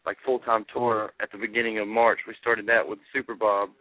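A man with a Southern, Alabama hillbilly accent gives a casual interview. His voice sits fairly low and he talks haltingly, repeating words. The sound is thin and narrow, like a phone call into a radio show. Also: little pitch movement, no echo. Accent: Southern US, Alabama hillbilly twang. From Alabama, United States. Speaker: interview guest, rock band lead singer.

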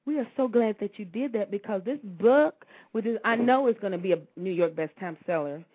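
Woman, interview host, medium pitch, familiar slangy talk, affirming, thin phone-quality audio. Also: a little fast, breathy edge. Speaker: radio show host and writer. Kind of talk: casual interview chat. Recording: tinny phone-like sound.

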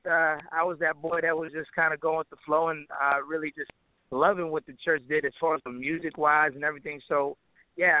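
This interview guest, a musician and producer, has a fairly high-pitched male voice captured in a dry recording with narrow, tinny sound. His conversation is relaxed and informal, full of slang and repeated "you know"s.

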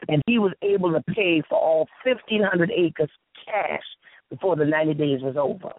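A Gullah-accented interview guest from the South Carolina Sea Islands, a woman, delivers animated conversational stories at a moderate pace, emphatic and full of repeated phrases and acted-out dialogue. The narrow, tinny, phone-like recording carries no room sound.

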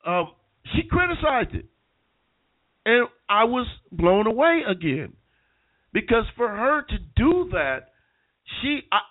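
A man with a nasal voice from being sick, hosting an internet call-in radio show with casual, rambling talk. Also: high voice. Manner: rambling with many restarts. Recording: tinny phone-line sound.

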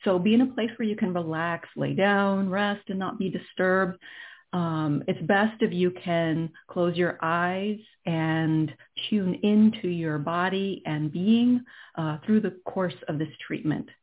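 Woman guiding meditation, thin phone-like sound. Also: on the low side. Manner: soothing, measured, with long pauses between phrases. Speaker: guided healing session host. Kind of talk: slow guided meditation narration.

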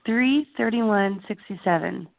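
A woman's voice: mid-range voice, unhurried, gravelly, dry recording. A woman calling in to a live show, heard over the phone and giving brief, casual replies. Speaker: caller. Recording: tinny dry phone line.

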